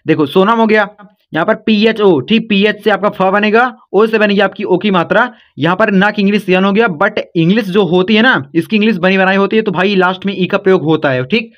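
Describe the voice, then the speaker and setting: A high-voiced man walks beginners through spelling one letter at a time, slow and patient, now and then calling them kids or brother. The recording sounds dull and lo-fi. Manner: slow, step-by-step explaining, calls listeners kids and brother. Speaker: teacher.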